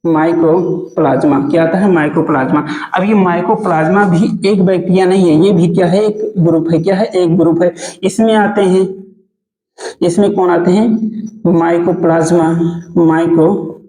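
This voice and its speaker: A man's voice: high-pitched, fairly even intonation, normal speed, mellow, reverberant, poor audio. A male teacher giving a lesson, asking a question and repeating the answer several times over. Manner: asks a question, then repeats the answer again and again. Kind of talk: biology lesson in Hindi.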